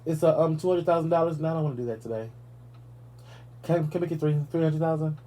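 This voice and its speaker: A man with a slightly high voice rattles along fast while hosting a live talk show. He chats casually about celebrity gossip, sassy and animated, dropping in playful asides.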